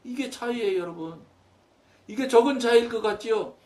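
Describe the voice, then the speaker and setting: A middle-aged man preaches in a high voice. He tells his story with quoted dialogue, jumping up for emphasis and then dropping soft. He sounds set back from the microphone. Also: fairly quick, far from the mic. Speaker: pastor. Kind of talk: sermon.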